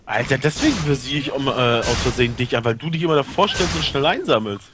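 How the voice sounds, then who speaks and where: A man's voice: mid-range voice, fast. Chill gamer guy on voice chat, mid voice, dry jokes, music going behind him. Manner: laid-back, wry, swears casually. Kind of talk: casual multiplayer gaming chat.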